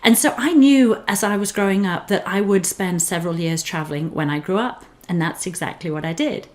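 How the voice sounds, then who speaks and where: A woman with a fairly low voice speaks a little fast in an English accent from her northern England upbringing. As a relocation specialist, she delivers a scripted personal talk to camera that is earnest and encouraging.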